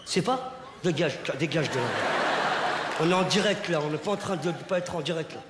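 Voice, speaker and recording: A male stand-up comedian in his thirties, telling stories on stage with lively, animated delivery and sudden shouted bits. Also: a little high, brisk, heavy background noise. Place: large concert hall. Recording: echoey hall recording with loud crowd. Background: audience laughing.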